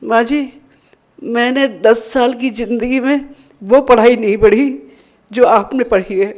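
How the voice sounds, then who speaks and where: A woman's voice: fairly high pitch, steady tone, measured pace, a little mellow, close to an everyday voice. A woman voicing a skeptical male doctor in a devotional story, who speaks in a dry, matter-of-fact way. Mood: humbled.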